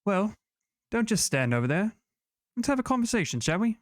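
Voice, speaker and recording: A man voicing a mysterious hooded woman, calm and inviting, with a theatrical, coaxing manner in a tabletop game. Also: high-pitched, a little fast, no room sound, clean studio sound, pitched above the performer's own voice. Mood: coolly inviting.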